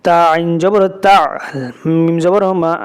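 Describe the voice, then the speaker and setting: A man teaching Quran reading, spelling out letters and vowel marks and chanting the words slowly, with brief quicker explanations of each rule. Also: high-pitched, level tone, clear, resonant tone. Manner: drawn-out chanted recitation between quick spoken explanations; asks "কেমন?" after each rule.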